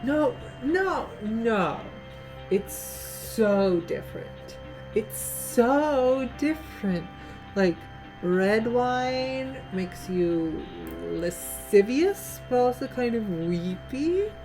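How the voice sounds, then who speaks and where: A woman's voice: a little high, expressive, drawn-out words, a little mellow, soft background music. A woman voicing a tipsy teenage girl at camp, reading her lines in a drawling, slurred voice.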